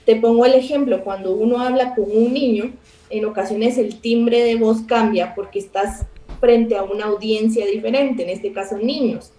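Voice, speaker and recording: A Guatemalan woman, a psychologist guest, calmly explaining with everyday examples in a radio interview. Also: a little high, normal speed. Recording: roomy, distant from the mic.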